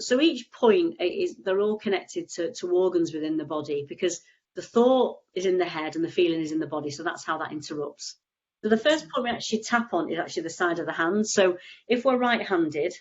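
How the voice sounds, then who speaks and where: On a muffled recording, a woman with a fairly low voice talks through tapping in a relaxed way on a video call. She's a guest EFT tapping practitioner, stuffed up with a cold, and she rambles, restarting her sentences frequently.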